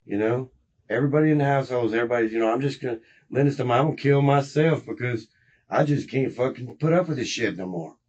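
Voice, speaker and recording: A man's voice: medium pitch, fast, darkish tone. A middle-aged man, rambling and swearing as he recounts events in a recorded police interrogation. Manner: rambling, profane, agitated recounting. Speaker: interrogation suspect. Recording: muffled interrogation room recording.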